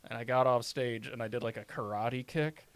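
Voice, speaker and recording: A man's voice: medium pitch, fairly even intonation, moderate pace, clean tone, no room sound. A man, a stand-up comedian, chatting casually on a podcast, telling rambling stories and swearing often. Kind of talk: casual chat.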